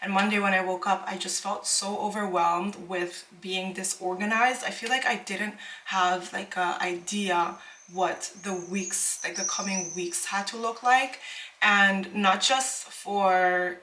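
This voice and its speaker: A woman's voice: mid-range voice, fairly even intonation, measured pace, bright, forceful tone, slight background noise. Young woman vlogger at home on a handheld camera; chatty and rambling, with room echo. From Netherlands. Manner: chatty, rambling, self-correcting. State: out of breath at times. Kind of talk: casual vlog talk to camera. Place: home indoors.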